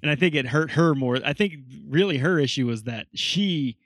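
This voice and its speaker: A man's voice: fairly high pitch, lively intonation, normal speed, fairly bright tone, no echo, clean studio sound. Swearing, chatty man reviewing a show. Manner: swears a lot, loose and chatty. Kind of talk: casual chat reviewing a TV show.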